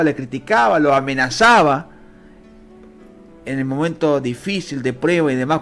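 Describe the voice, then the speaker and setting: Fervent Rioplatense Spanish man preaching. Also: fairly bright tone. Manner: fervent, emotional, swings between low and high pitch. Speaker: Bible teacher. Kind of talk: sermon.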